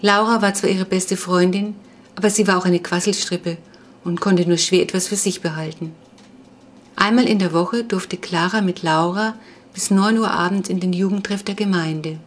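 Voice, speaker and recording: A woman reading a children's novel aloud as narrator, in an even, measured storytelling manner. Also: fairly low pitch. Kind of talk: audiobook reading.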